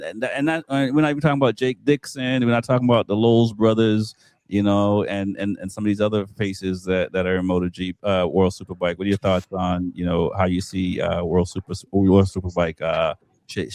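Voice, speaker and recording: A man hosting a casual motorcycle-racing panel chat, talking haltingly with lots of fillers and restarts. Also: sits low, little pitch movement, darkish tone, dry recording. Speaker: podcast host.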